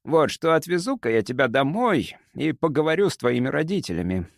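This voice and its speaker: A man voicing a sly, smooth-talking older male doctor who speaks softly and stays unflappable. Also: a little high, a little fast, no echo, clean studio sound, pitched above the performer's own voice. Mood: gentle, fatherly. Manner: soft, sweetly calm, unflappable.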